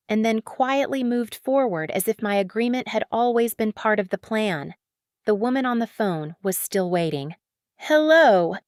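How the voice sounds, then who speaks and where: A woman narrating a first-person drama story in a calm, measured way. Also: medium pitch, no room sound, studio quality.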